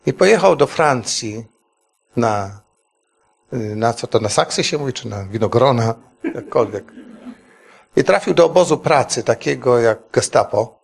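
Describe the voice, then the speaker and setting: Animated middle-aged man preaching a testimony. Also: medium pitch, a little slow, creaky, pauses often, breathy edge. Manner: emotional, animated storytelling. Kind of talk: testimony sermon.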